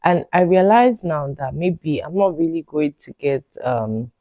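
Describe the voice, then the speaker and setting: A young woman, hosting a podcast and chatting casually through a story with animated asides and laughs. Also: deep voice, unhurried, dry recording, highs cut off. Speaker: podcast host.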